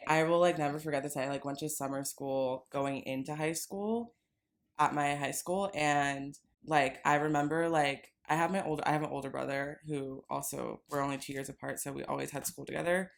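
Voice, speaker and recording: A woman's voice: low voice, steady tone, moderate pace, vocal fry. A young woman from Los Angeles co-hosting a podcast in a casual, rambling chat full of "like". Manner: rambling, heavy use of "like". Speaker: podcast co-host.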